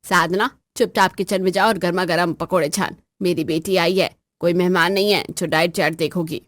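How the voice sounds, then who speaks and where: A woman's voice: fairly even intonation, fairly quick, no room sound, lightly acted. A woman doing a sour, scheming old mother-in-law. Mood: scolding. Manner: low, grumbling, scolding.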